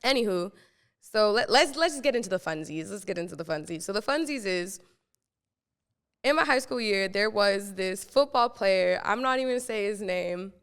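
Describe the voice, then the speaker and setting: A young podcast host from the San Francisco Bay Area tells stories from her own life, chatty and slangy with plenty of fillers. Her mid-range voice is animated and a bit bright, clear and resonant, at a moderate pace, with a big-room sound.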